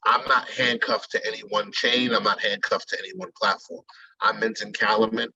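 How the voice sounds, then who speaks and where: A man speaking in a casual interview, blunt and profane with lots of animated swings. His voice is husky and middle-pitched, heard on a dry, dull, lo-fi recording. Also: normal speed, no echo. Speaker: digital artist interviewee.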